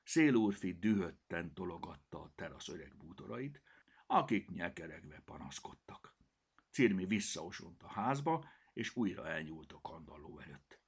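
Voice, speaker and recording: Storyteller man, low gravelly voice, hushed half-whispered reading of a children's tale, lively pitch.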